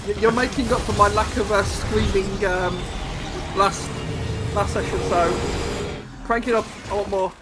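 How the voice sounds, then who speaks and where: A man with a high, light voice calls a live esports match, teasing and laughing along with his co-casters in a playful tone. Game music plays clearly behind him throughout the stream. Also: steady tone, moderate pace, pauses often. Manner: playful, joking banter with co-casters.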